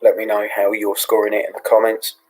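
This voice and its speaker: A British man hosting a live fight watch-along in a hushed, half-whispered voice, relaxed and full of ums and yeahs. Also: on the low side, brisk, slightly rough, rough recording. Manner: relaxed, with many fillers like um and yeah. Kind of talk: low-key live fight commentary.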